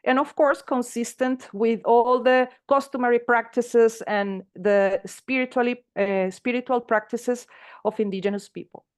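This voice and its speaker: A woman hosts an online panel over a video call. Her voice sits fairly high, and her speech is hesitant, full of fillers and restarts. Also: fairly even intonation, a little slow, clear, resonant tone. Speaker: webinar moderator.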